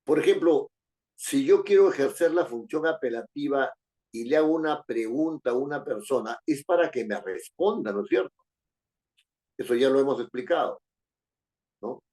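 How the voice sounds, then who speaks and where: A man with a Peruvian Spanish accent and a medium-pitched, darkish voice lectures his class as a teacher. He often tags sentences with rhetorical questions and repeats phrases.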